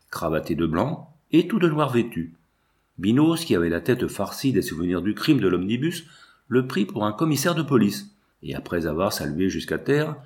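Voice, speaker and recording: A man with a mid-range voice narrates a classic novel as an audiobook, his scripted reading steady and measured.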